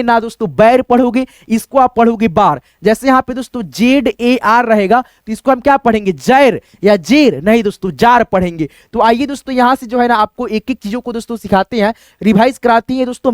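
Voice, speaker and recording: In a Hindi spelling lesson for beginners, a man with an extremely high voice teaches English spelling and sounds. He repeats himself, keeps saying "friends," and answers his own questions, recorded in studio quality with no room sound.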